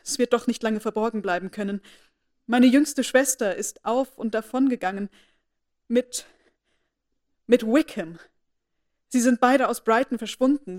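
A woman doing a shaken young lady from a storybook, urgent and faltering, near tears. Her voice rises in pitch and loudness as worry breaks through. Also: close to an everyday voice. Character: distressed young lady, anxious for her sister.

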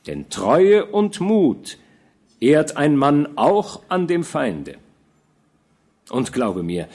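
Man voicing an old army commander, fatherly, warm, measured, lively intonation, storybook reading. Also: medium pitch, voice pushed up, full character voice. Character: veteran male army commander, fatherly and kind. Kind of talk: audiobook character reading.

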